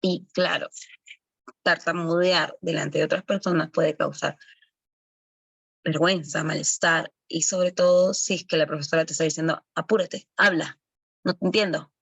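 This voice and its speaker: A woman's voice: low-pitched, steady tone, normal speed, vocal fry, slightly rough, no room sound, highs cut off. A woman giving an online lecture to early-education assistants, explaining as she goes and correcting herself often. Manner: explanatory, with frequent self-corrections.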